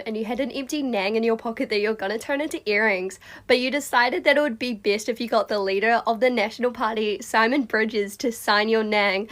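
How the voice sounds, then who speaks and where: A woman with a New Zealand accent telling a long run-on story for a social media challenge. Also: fairly high pitch.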